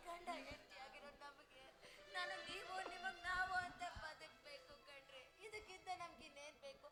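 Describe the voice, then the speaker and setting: A woman's voice: high-pitched, normal speed, roomy sound, over loud music, close to an everyday voice. A woman acting a devoted wife in a village stage drama, pleading with and soothing her husband. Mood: consoling. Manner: pleading, soothing, tearful at times. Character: devoted, consoling young wife.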